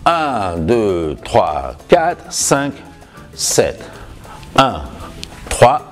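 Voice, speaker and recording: Lively low-voiced male dance teacher. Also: drawn-out words, faint music behind. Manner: lively, encouraging, counts beats with sung emphasis. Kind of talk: home dance lesson, counting steps aloud.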